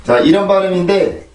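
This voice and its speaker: A man with a fairly high voice runs an online pronunciation lesson, patiently repeating sounds and words several times each. He sits a little back from the mic, and the room adds a clear echo. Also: darkish tone, recorded from a distance. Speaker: English pronunciation teacher. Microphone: small clip-on mic with phone camera.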